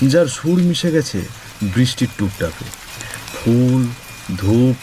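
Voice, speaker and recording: A man narrating a village folk story for a cartoon in a descriptive, atmospheric storytelling manner. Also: mid-range voice.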